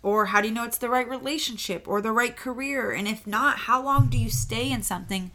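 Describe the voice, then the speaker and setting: A woman in her twenties co-hosts a podcast in a relaxed, chatty way. Her voice is bright and forward, and she rambles a little, leaning on "um" and "like" as she talks. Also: fairly high pitch, a little fast. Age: 20s. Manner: chatty, animated, lots of fillers like "um" and "like". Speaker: podcast co-host. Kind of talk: casual podcast chat.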